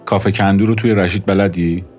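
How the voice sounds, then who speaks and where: A man reading the part of a cool, sardonic young woman who runs card games, speaking dryly and quietly mocking, over faint music. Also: deep voice, steady tone, lightly acted. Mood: dry, matter-of-fact. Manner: dry, quietly mocking, matter-of-fact.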